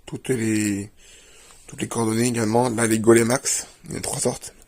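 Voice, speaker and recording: Low gravelly man, casual show-and-tell. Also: level tone, normal speed, darkish tone. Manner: plainly lists items while leafing through a book. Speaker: video creator.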